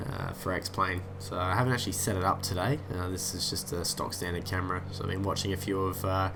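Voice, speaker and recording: Over music, a flight sim YouTuber with a head cold gives casual commentary on his simulator session, his voice nasal, low, steady, and a little fast with vocal fry. He rambles, easily gets sidetracked, often loses his thread, and fills the gaps with lots of "uh."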